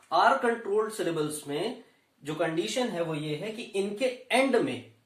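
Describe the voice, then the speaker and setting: Indian man, high voice, slow unhurried teaching, echoey room, mic far off. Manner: explains slowly, repeats key terms, switches between Hindi and English. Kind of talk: classroom lecture. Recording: roomy echo, voice from a distance.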